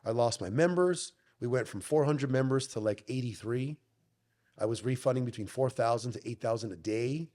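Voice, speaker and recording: A man's voice: mid-range voice, moderate pace, warm tone. A middle-aged man who owns a gym, telling his story in a casual podcast chat, blunt and swearing often. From Canada. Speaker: gym owner and guest.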